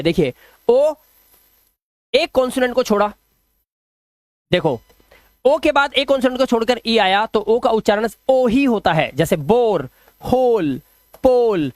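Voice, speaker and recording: A man teaching an English phonics lesson, drawing out each word slowly and repeating the sounds for his students. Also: very high voice, no echo, clean studio sound. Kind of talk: phonics lesson explained in Hindi.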